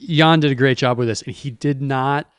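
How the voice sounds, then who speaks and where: A man's voice: mid-range voice, steady tone, moderate pace, smooth, no echo. A man co-hosting a casual chat about sailing, talking with enthusiasm and often restarting his phrases. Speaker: co-host, former onboard reporter.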